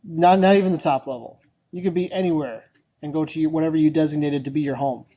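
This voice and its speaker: Chatty male meetup presenter, higher voice. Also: quick pace, warm tone, lo-fi sound. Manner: chatty, loose, many fillers and restarts. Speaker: user group presenter.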